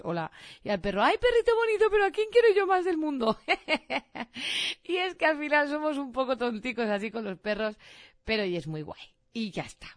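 A woman's voice: mid-range voice, no room sound. Chatty self-mocking woman, dry sound. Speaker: dog trainer. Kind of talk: casual monologue.

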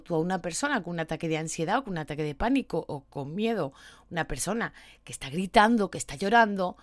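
Animated low-voiced woman from Spain. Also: no room sound. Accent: Spain Spanish. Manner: animated, empathetic, persuasive. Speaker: dog trainer. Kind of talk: explanatory monologue to followers.

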